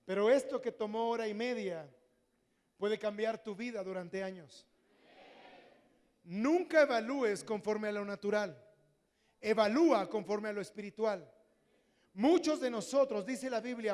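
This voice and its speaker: A male pastor preaching a fervent sermon, leading the congregation in repeated declarations and shouting at the climaxes. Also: high-pitched, a little slow, long pauses. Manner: shouts and stretches words at climaxes. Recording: long hall reverb with faint crowd.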